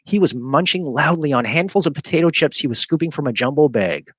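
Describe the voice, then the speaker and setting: A man reading a children's story aloud, expressive and animated. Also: a little high, brisk, husky, no echo. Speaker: reader.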